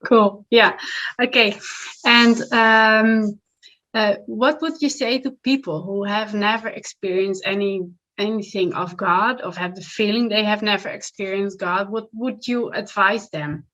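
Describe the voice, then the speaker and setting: A woman's voice: mid-range voice, fairly even intonation, a little slow, sharp tone, low-quality recording. A woman interviewing a guest, attentive and affirming as she asks questions. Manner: attentive, frequent affirming murmurs.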